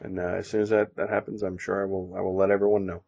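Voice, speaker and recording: A man co-hosting a casual podcast, talking in halting, self-deprecating stops and restarts. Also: deep voice, little pitch movement, creaky, darkish tone. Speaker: podcast co-host and comic artist. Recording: dull lo-fi sound.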